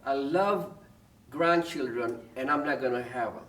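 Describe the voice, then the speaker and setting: A man's voice: medium pitch, measured pace, a bit bright. Guy in his 50s from tanzania, dry jokes, roomy echoey sound. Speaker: interviewee, parent. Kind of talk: candid family interview. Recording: roomy, distant mic.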